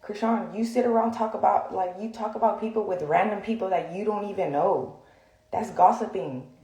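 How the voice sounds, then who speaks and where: A woman's voice: mid-range voice, moderate pace, dark tone. A young woman in a heated, blunt rant to the camera, swearing and filling with "like". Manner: heated, blunt, swears often, many fillers. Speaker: social media personality. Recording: echoey room.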